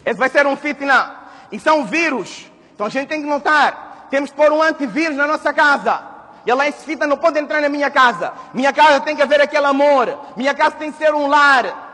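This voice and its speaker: A man preaching a Friday mosque sermon, swinging from loud exhortation to hushed storytelling and reciting Arabic verses. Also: very high voice, fairly quick. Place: mosque hall. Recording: reverberant mosque hall.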